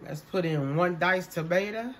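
A congested man narrating a casual cooking video from his home kitchen, relaxed and chatty, talking to viewers as y'all. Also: high-pitched, moderate pace, a little hiss or hum. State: congested, coughing. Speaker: home cook.

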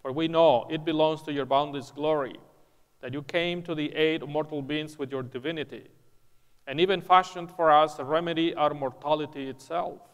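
A man leading prayers at Mass as priest, reciting in a solemn, measured way, with a cathedral echo around his voice. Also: fairly high pitch. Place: large church. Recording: long echoing church reverb.

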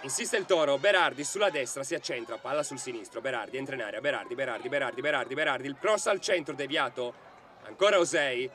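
A man's voice: mid-range voice, fast talker, fairly bright tone. A man giving breathless, urgent play-by-play goal commentary in clipped, repeated phrases. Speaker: football match commentator. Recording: outdoor crowd and ambient noise behind. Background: outdoor football crowd.

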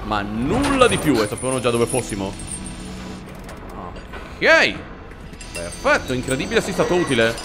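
A man giving excitable, joking commentary while playing a horror video game. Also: medium pitch, quick pace, few pauses. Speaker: gaming video host. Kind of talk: let's play commentary. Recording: voice over loud game music.

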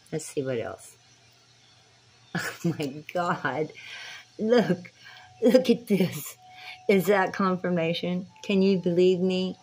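Recorded with poor audio on a phone camera at arm's length, a woman in her sixties who does spiritual tarot vlogs talks casually to camera from a small dim room. Her voice is on the low side and darkish, and she preaches to her viewers directly and earnestly.

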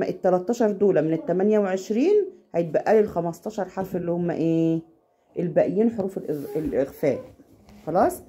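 Patient Egyptian woman tutoring softly. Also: on the low side. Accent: Egyptian Arabic. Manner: patient, slow when demonstrating recitation. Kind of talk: casual home lesson.

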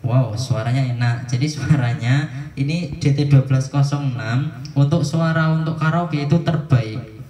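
A man's voice: mid-range voice, mellow, far from the mic. A man demonstrating a karaoke speaker, counting mic checks through a handheld microphone with a heavy echo effect added. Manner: counting off mic tests slowly. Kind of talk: casual product demo with mic checks. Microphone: handheld wireless karaoke microphone. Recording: echoey speaker sound with music behind.

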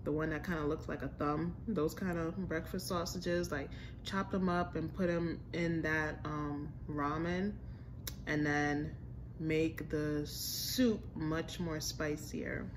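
A young adult woman with an American accent chats casually to camera as a food vlogger, reviewing a restaurant in slangy, informal talk. Her voice is low and slow, with fairly even intonation. She's indoors in a home room with a staircase, and there's background noise.

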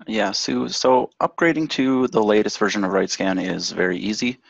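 Gravelly low-voiced man, lo-fi. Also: expressive, normal speed, dry recording. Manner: plain instructional, with ums. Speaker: support staff presenter. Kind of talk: webinar presentation. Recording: dull, dry lo-fi line.

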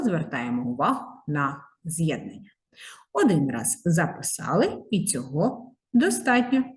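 A woman teaching a handwriting lesson to young children, slow and sing-song, drawing out the sounds of letters. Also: low-pitched, a little mellow. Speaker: primary school teacher.

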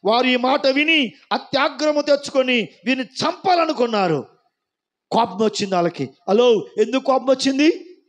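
A man's voice: very high-pitched, moderate pace. A man preaching a sermon, emphatic, repeating rhetorical questions to his listeners. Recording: dull lo-fi recording.

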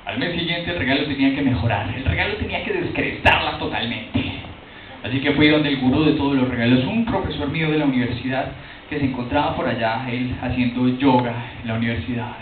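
Young storyteller, distant tinny sound. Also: male voice, mid-range voice, a little fast. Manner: animated, acts out quoted voices, chats with the audience. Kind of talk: live oral storytelling to an audience. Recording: distant, phone-like, noisy echoey room.

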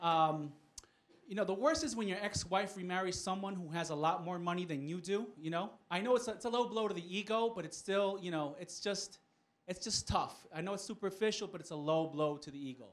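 A male stand-up comedian from New York works through his set in a loose, conversational way. He makes frequent asides to the crowd. His voice sits a bit higher than most men's. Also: fairly quick.

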